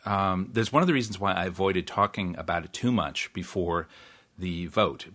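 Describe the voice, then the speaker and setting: This low, sharp-toned voice belongs to a New Zealander running a solo podcast in a relaxed way. His talk is chatty and full of restarts, self-corrections, wry asides and laughs.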